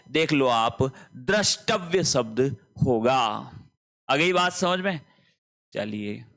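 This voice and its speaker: A man teaching an online lesson, explaining slowly, repeating words and checking that students understand. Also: on the high side, pushed and bright. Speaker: Hindi teacher. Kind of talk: online exam-prep lesson.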